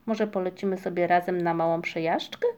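A woman voicing an eager, excitable young male moomin troll in a storybook reading, with exclaiming delivery. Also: lowish voice, a little fast, dull audio, close to an everyday voice. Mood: cheerful.

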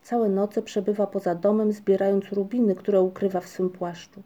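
A woman narrating a children's storybook in a gentle, even reading voice. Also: medium pitch, normal speed, lo-fi sound. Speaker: audiobook narrator.

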